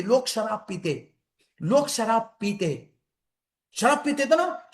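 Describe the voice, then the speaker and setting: A man giving a conversational health talk to an audience, repeating phrases for emphasis and calling his listeners friends. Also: extremely high pitch. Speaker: health and wellness speaker. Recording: echoey room.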